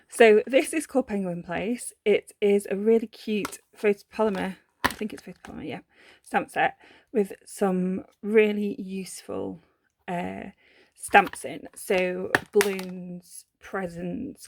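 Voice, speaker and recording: A woman's voice: mid-range voice, a little hiss or hum. A woman, from the UK, chatting casually through a papercraft unboxing, gushing about the items with lots of ums and self-corrections. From United Kingdom. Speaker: papercraft vlogger.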